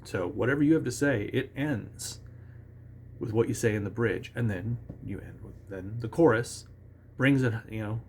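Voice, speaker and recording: A man giving a relaxed, conversational songwriting lesson, talking with restarts and sometimes singing short nonsense syllables as examples. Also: fairly low pitch, moderate pace, a little hiss or hum. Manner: self-assured about his own lyric writing. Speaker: songwriting teacher. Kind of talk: casual instructional talk.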